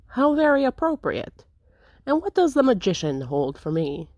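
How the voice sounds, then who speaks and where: A woman reading a visual novel aloud, voicing an imperious aristocratic countess with a haughty, measured, commanding manner. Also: fairly high pitch, sing-song, a little mellow, no echo, clean studio sound, voice pushed up.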